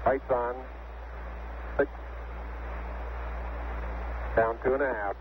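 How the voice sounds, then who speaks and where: Over a crackly space radio transmission with beeps, a male spacecraft crew member makes terse numeric callouts. His medium-pitched voice has fairly even intonation and drawn-out words, carried on a tinny, noisy archival radio link.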